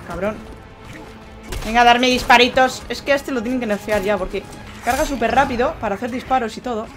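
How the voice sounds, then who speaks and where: A woman with a Spain accent commentating on gameplay casually as a raging, excitable gamer who exclaims, complains and swears in slang. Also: on the high side, a little fast, over music. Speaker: gaming video host.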